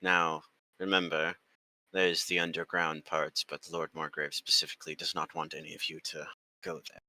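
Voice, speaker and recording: A man narrating as game master of a tabletop game, calm and formal. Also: rumbling low, moderate pace, rough recording.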